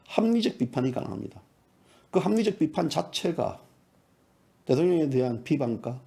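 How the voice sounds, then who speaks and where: A fiery man in his fifties delivers a heated commentary and fires off rhetorical questions. His voice sits high and swings widely. The tone is dark and mellow. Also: vocal fry. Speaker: independent journalist and online commentator. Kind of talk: heated political commentary monologue.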